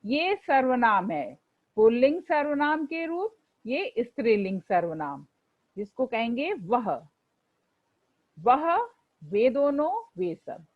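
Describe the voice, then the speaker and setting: Slow, patient woman teacher, dull recording. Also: on the high side, big pitch swings. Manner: slow and patient, reciting word forms aloud for pupils to repeat. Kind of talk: classroom lesson explaining textbook exercises.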